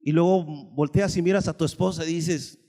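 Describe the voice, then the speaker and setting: Animated high-voiced preacher. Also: male voice, a little fast, big-room sound. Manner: animated, swings between loud emphasis and soft asides, acts out dialogue. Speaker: pastor. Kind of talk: sermon.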